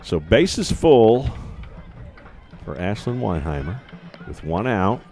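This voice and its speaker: A man doing easygoing, joking play-by-play for a local softball game from an outdoor ballpark. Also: sing-song, slow pace, a little hiss or hum. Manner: easygoing, joking, calls pitches plainly. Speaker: play-by-play announcer.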